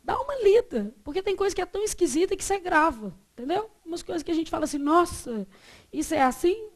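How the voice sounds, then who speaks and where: High-voiced Brazilian teacher, lively questions. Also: female voice. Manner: lively, asks the class questions and answers them herself; stretches words out slowly to model pronunciation. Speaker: Portuguese teacher. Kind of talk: classroom lecture.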